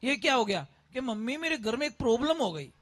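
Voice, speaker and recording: A man's voice: very high-pitched, big pitch swings, brisk, a bit bright. A man preaching a sermon, telling a folk story and acting out the dialogue of a husband, wife and mother.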